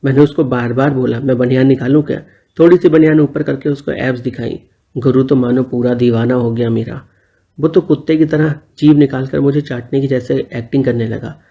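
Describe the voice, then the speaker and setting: A man's voice: medium pitch, fairly even intonation, fairly quick, muffled recording. A young man narrating a first-person story in a plain, conversational way.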